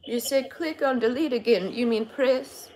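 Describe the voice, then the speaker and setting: A woman's voice: a little high, normal speed, darkish tone, slight background noise, close to an everyday voice, low-quality recording. A young woman voicing a confused, literal-minded old woman in an improvised prank call, hesitant and befuddled. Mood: puzzled, literal. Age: young adult. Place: small furnished bedroom.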